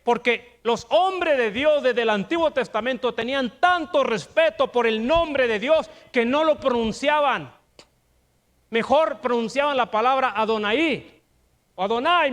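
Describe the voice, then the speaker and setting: An older man preaching a sermon in a Mexican accent, emphatic, with rhetorical questions and rising to shouts. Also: very high voice. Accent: Mexican Spanish. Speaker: pastor.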